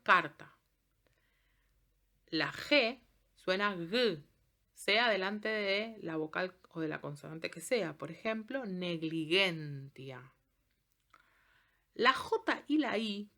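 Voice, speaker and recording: A woman teacher giving a recorded class. She explains step by step, slows down on example words and keeps checking in with her students. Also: on the low side, a bit bright. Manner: patient, checks in with frequent "¿sí?". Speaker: Latin teacher. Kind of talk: recorded online class lesson.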